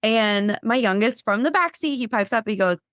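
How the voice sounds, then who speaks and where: A woman guest on a podcast, telling a lively faith story and acting out her own past thoughts in quotes. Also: a little high, moderate pace, dry recording, clean studio sound.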